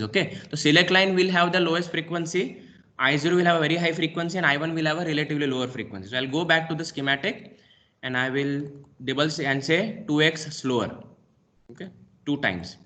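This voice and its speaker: A man with an Indian English accent, a lecturer walking through a software lab demonstration step by step and saying "okay" often. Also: mid-range voice. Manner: talks through each click step by step, frequent "okay". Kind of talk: screen-recorded software lab demo.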